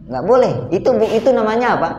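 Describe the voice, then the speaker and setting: A man's voice: sits high, very animated, quick pace, darkish tone, a little hiss or hum. A man teaching a religious study lecture, speaking to his listeners in a conversational way with rhetorical questions. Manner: addresses listeners directly as "sir". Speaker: Islamic teacher. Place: mosque hall. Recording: roomy, dull lo-fi recording.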